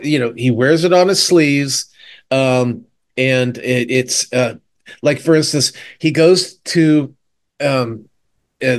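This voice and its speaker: A man co-hosting a casual chat podcast, rambling through TV recaps with lots of fillers and animated retellings. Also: medium pitch. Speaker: podcast co-host. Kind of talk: casual chat about TV shows.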